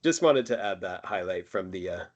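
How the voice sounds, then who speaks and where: Man, lowish voice, casual podcast co-host, rambling with fillers. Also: animated, normal speed. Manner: chatty, lots of fillers and laughs. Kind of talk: casual music review chat.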